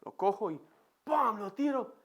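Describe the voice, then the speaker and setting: A high-pitched man with an accent from Spain preaches in an empty church. He leans into his story with a voice that leaps up and down. He is a vivid, animated storyteller. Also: a little slow. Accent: Spain Spanish. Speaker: pastor. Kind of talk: sermon with personal storytelling.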